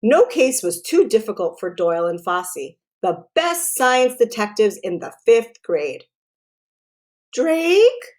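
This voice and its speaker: In a medium-pitched voice, a woman tells a children's story aloud, expressive and unhurried in a deliberate way. Her clear phrasing is aimed at young ears.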